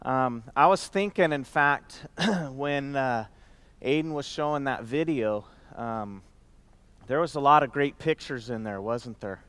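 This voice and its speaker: Smooth-voiced man giving a rambling talk. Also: mid-range voice, unhurried, no room sound. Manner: warm, rambling, frequent fillers and restarts. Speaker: company speaker. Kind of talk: conference speech.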